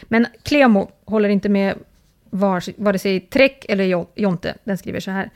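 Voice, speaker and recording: A woman's voice: mid-range voice, darkish tone. A woman hosting a casual podcast, reading out listener messages with sarcasm and frequent swearing. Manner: sarcastic, swears freely, laughs often. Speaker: podcast host.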